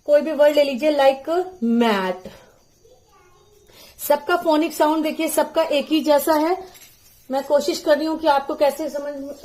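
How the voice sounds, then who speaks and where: A woman giving a patient phonics lesson, sounding out syllables slowly for parents and teachers to repeat to children. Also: sits high, warm tone.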